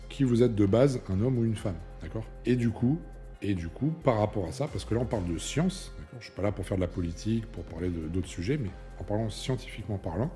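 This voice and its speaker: Chatty, low-voiced fitness coach. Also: male voice, dark tone. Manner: chatty, emphatic, many fillers and asides. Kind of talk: casual talk to camera.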